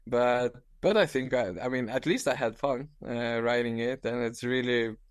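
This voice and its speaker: Guest: Lithuanian-accented man, 30s, halting and restarting, clear, dry video-call sound. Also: medium pitch, no echo. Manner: halting, restarts often, laughs easily. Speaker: guest, ultra-distance cyclist. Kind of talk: casual interview on video call. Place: small room at home, indoors.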